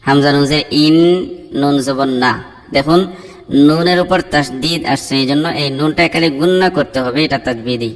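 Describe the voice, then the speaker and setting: A man teaching Quran recitation, chanting verses slowly and drawn out, then spelling out letters and explaining. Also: fairly high pitch, in a large hall, faint music behind.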